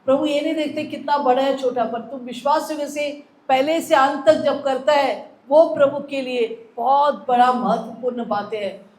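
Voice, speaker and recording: A woman preacher narrating a sermon story with lively quoted dialogue and some hesitant fillers. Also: high-pitched, normal speed, roomy sound, rough recording.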